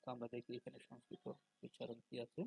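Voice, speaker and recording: A man teaching Sanskrit pronunciation, explaining in plain talk and then chanting words slowly and loudly. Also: medium pitch, completely flat delivery, vocal fry, husky, low-quality recording. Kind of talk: spoken lesson on verse pronunciation.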